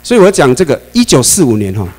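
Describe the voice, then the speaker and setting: A man with a Taiwanese Mandarin accent giving a classroom lecture, animated, often asking the class questions and laughing. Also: on the high side, very fast, rough recording. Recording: mains hum under the voice.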